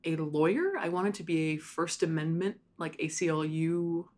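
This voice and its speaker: A woman's voice: sits low, normal speed, a little mellow. A young woman from Hawaii, an author being interviewed in a small hotel room, talking casually with wry, self-deprecating asides.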